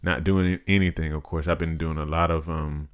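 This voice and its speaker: A man in his thirties co-hosting a podcast, talking in a measured, reflective, casual way. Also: a bass voice, fairly even intonation. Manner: measured, reflective, practical-minded. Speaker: podcast co-host. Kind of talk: casual chat.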